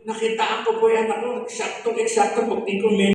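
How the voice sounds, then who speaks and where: A man's voice: sits high, little pitch movement, fast talker. Older man giving an earnest testimony. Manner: earnest, emotional storytelling. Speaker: testimony speaker. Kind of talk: church testimony with scripture quotes. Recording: echoey hall from far off, faint hiss.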